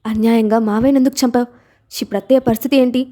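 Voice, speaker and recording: A woman's voice: a little high, fairly even intonation, very fast, dark tone, close to an everyday voice. A woman voicing a distraught young woman who speaks tearfully and reproachfully in a storybook reading. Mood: tearful reproach.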